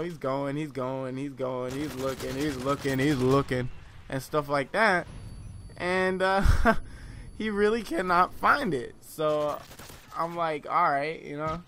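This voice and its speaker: Young male vlogger, casual rambling storyteller with lots of fillers, bright and slightly high voice. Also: a little hiss or hum. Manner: rambling, animated, laughs often, lots of fillers.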